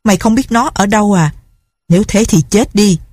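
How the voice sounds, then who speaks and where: A woman's voice: medium pitch, a little fast, a little mellow, breathy edge, no room sound, natural voice. A woman reading a storybook, voicing a bitter, grief-crazed older woman who threatens a girl harshly. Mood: vengeful. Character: grief-crazed vengeful older female recluse.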